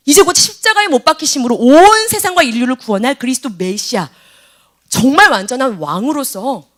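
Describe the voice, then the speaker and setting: A woman leading a youth sermon in church, questioning students by name and acting out scenes. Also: sits high. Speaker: youth pastor.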